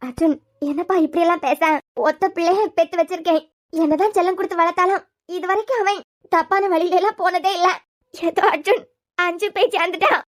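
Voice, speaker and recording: A woman's voice: very high voice, fairly even intonation, a little fast. A woman with a Kanyakumari Tamil accent voicing a middle-aged mother begging mercy for her son in a cartoon. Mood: pleading. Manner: imploring, plaintive.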